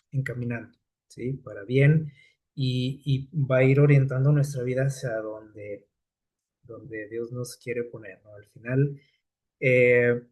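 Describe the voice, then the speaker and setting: A man with a medium-pitched, slightly mellow voice preaches conversationally, frequently asking a rhetorical "¿sí?" or "¿no?" His speech includes hesitant fillers and repeated words.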